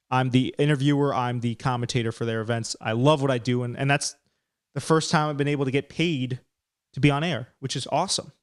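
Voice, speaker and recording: A man hosting a live stream, chatting casually and rambling as he breaks down fights. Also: mid-range voice. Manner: chatty, rambling, self-deprecating.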